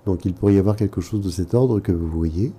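A man speaking as an analyst, asking probing questions and offering interpretations in a measured, therapeutic conversation. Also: sits low, mellow, breathy edge. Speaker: psychoanalyst interviewing a caller.

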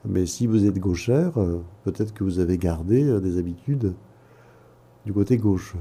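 A man with a very dark, mellow timbre and a fairly low pitch. He speaks like an analyst in session, measured, questioning and interpretive. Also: slightly rough. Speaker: psychoanalyst interviewing a caller. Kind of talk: probing therapeutic conversation.

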